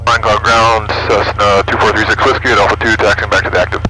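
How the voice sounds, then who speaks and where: A man, a student pilot, speaking through a headset in a small plane cockpit with clipped radio phrasing and brisk readbacks. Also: lowish voice, flat delivery, bright, forceful tone, slight background noise, poor audio. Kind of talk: radio calls and muttered cockpit remarks.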